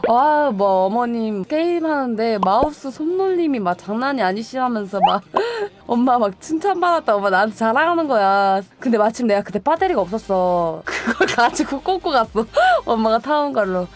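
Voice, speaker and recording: A young woman streamer telling stories to her viewers in casual chat, animated, laughing often and acting out other people's voices. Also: fairly high pitch, normal speed, hardly any pauses.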